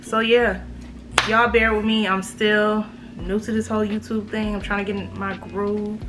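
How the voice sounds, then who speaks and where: A woman's voice: mid-range voice, flat delivery, moderate pace, background noise. An American woman with a slight lisp from braces, giving a casual, slangy, emphatic review to camera as a beauty vlogger.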